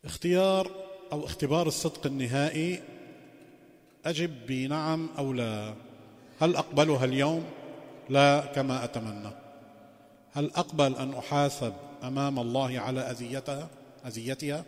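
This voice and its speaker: Male lecturer, middle pitch, religious lecture built on rhetorical questions, long hall reverb. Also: fairly quick, pauses often. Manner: poses rhetorical questions, mixing formal phrasing with colloquial asides. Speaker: sheikh giving a lecture course.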